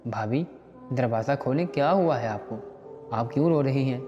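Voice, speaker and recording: Man doing a gentle, concerned young brother-in-law. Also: medium pitch, moderate pace, natural voice. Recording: dull lo-fi recording with long reverb and faint music.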